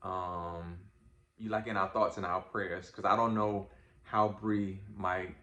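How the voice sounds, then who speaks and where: A man's voice: deep voice, flat delivery, slow pace, pushed and bright, roomy sound, lo-fi sound. A middle-aged man co-hosting a podcast with his daughter, talking in a playful, teasing, laid-back way with lots of fillers. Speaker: podcast co-host, father. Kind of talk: casual chat.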